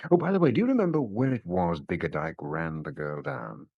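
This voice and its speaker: An actor playing a shrewd, courteous middle-aged English police inspector in a radio drama, measured and dryly precise. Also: male voice, low voice, very animated, vocal fry, slightly rough, no echo, dull audio, heavily acted. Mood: dry, methodical.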